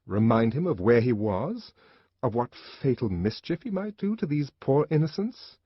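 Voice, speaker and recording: A man narrating a literary novel in a dramatic, expressive reading. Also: medium pitch, moderate pace, breathy edge, no echo. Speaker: audiobook narrator. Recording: dull lo-fi audiobook recording.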